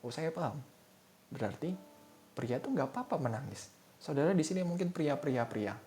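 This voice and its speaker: A man's voice: on the high side, big pitch swings, normal speed, slight background noise. A man giving a sermon in a casual, conversational way, speaking straight to his listeners. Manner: casual conversational preaching, addresses listeners as "saudara". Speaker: preacher. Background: soft instrumental music.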